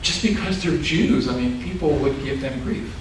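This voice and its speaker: A man's voice: on the high side, normal speed. A man in his sixties from Los Angeles giving a conversational, self-deprecating dharma talk as a Buddhist minister, chuckling often. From Los Angeles, USA. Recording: echoey room, distant mic, background noise.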